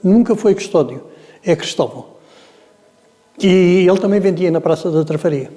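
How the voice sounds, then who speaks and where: Mellow-voiced Portuguese man in his seventies. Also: high voice, normal speed, in a large hall. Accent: European Portuguese, Lisbon area. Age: 70s. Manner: meandering, hesitant with frequent filler sounds. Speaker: interviewee. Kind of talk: oral history storytelling.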